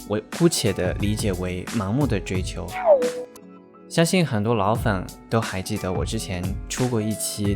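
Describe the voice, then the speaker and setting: Low-voiced man hosting over music. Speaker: host. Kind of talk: vlog narration and interview questions.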